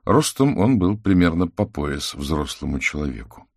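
Very deep gravelly male narrator. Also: sing-song, normal speed, a little mellow, no room sound, studio quality. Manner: reads every part himself, lifting his voice for child and cat lines. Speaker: audiobook narrator. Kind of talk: scripted narration.

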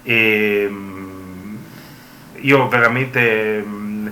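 A man's voice: lowish voice, little pitch movement, extremely slow, pushed and bright. A man giving a discursive, reflective public talk, hesitating often and seeking agreement with short question tags. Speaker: presenter at a book presentation. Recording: echoey room, faint ambient noise.

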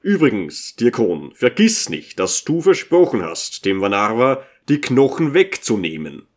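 A man's voice: mid-range voice, very animated, measured pace. A man voicing an older retired cavalry captain who coaxes and prods for the story. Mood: coaxing.

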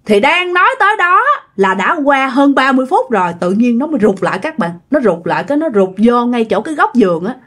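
A woman's voice: on the high side, very animated, quick pace, fairly bright tone. A woman telling a ghost story in a chatty way, talking straight to her listeners. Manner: chatty, addresses listeners directly.

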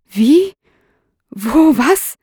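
A woman's voice: mid-range voice, expressive, measured pace, darkish tone, dry recording, clean studio sound, lightly acted. Woman voicing a panicky defensive young man. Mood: shocked. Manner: agitated, stammering, rising in panic. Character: stressed young male suspect, defensive.

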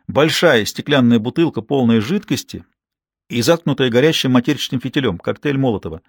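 A man in his sixties reading a tense novel aloud at a steady pace, slowing on dramatic details. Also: medium pitch, dry recording, clean studio sound. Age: 60s. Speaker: audiobook narrator. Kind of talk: scripted narration.

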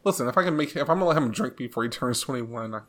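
A man's voice: mid-range voice, animated, very fast, a bit bright. A man co-hosting a podcast in casual chat, rambling with lots of restarts and filler. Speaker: podcast co-host.

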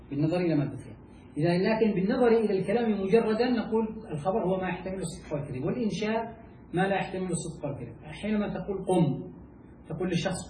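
A man teaching a lesson, who repeats phrases and keeps asking his students whether it is clear. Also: high voice, dark tone. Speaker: teacher of Islamic logic. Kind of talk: classroom lecture explaining a text. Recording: echoey room, mic at a distance, faint hiss.

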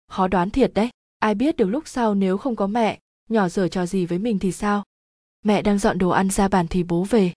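A woman reads a first-person story aloud in a lively, chatty way. Her voice is soft and mellow, recorded close with a dry sound. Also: mid-range voice, dry recording. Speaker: narrator.

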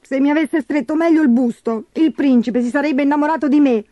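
A woman voicing a spiteful, shrill young stepsister in a storybook reading, whimpering and shrieking. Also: a little fast, dark tone, no echo, highs cut off, lightly acted.

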